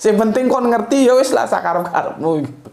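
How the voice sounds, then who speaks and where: Talking fast in a very high-pitched, slightly mellow voice with vocal fry, a man delivers a casual, digressive religious talk as an Islamic speaker. He chuckles at times and caps lines with fillers like "ya" and "gitu loh," recorded with roomy echo.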